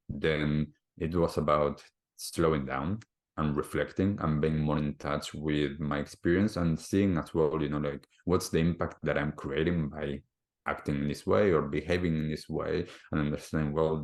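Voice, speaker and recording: A man from Argentina with an extremely low voice, speaking as a wellbeing coach on a podcast. He talks in a thoughtful, unhurried way and leans on "you know, like" as he works through his ideas. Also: a little mellow. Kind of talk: reflective conversational talk.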